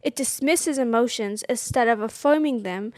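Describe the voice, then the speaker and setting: A woman's voice: a little high, moderate pace, no room sound. A woman who can't quite say her R's, which come out like W, chatting casually and emphatically with a fired-up opinionated streak. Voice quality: speech impediment on R sounds, which come out soft like W. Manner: emphatic, fired up, mild swearing.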